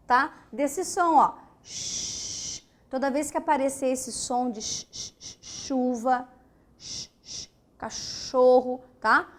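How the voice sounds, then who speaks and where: Slow high-voiced Brazilian teacher. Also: female voice. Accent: Brazilian Portuguese. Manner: asks the class questions and counts aloud slowly; sounds out letter sounds in short breathy bursts. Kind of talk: classroom lesson explaining phonetics.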